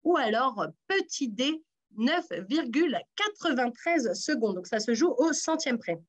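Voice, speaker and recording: A woman hosting a radio sports quiz in a lively, teasing way, encouraging the contestants. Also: high voice, a little slow, muffled recording. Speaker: quiz host.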